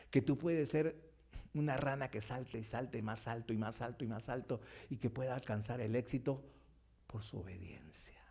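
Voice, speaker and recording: A pastor with a medium-pitched voice preaches a sermon, emphatic and repetitive, swinging between loud declarations and hushed phrases.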